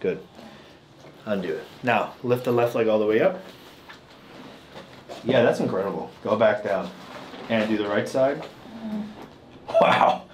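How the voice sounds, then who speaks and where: Speaking on the low side and unhurriedly, with long pauses, this man is a chiropractor in his thirties. Background noise fills the small treatment room where he offers a patient brief, casual instructions and reassuring check-ins.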